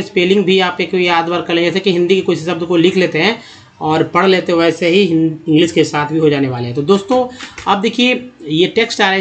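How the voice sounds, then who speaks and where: A man teaching how to read English, breaking words into parts and repeating each sound slowly. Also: high-pitched. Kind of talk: screen-share lesson, slow spelled-out explanation.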